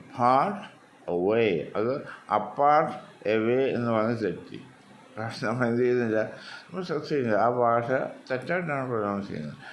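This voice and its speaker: A man's voice: mid-range voice, expressive, fast, slight background noise. A man with a Malayali accent teaching a spoken English lesson, explaining step by step and repeating words with exaggerated stress.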